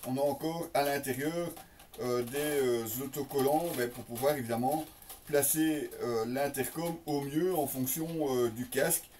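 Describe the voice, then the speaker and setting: Recorded slightly distantly with a touch of hiss or hum, a French man with a mellow, medium-pitched voice gives casual, unscripted commentary while unboxing motorcycle gear. He hesitates a lot, assembling phrases piece by piece around drawn-out "euhs."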